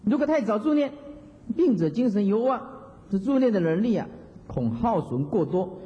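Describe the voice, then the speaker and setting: Monk-type teacher giving a dharma talk, chants bits of it, warm mellow voice, echoey muffled hall recording. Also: male voice, high-pitched, big pitch swings, normal speed. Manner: chants and mimics examples, chuckles often. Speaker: Buddhist monastic teacher.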